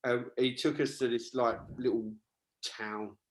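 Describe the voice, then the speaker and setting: A man's voice: mid-range voice, flat delivery, unhurried. A man co-hosting a casual chat show, telling funny stories animatedly and laughing as he goes. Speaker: co-host.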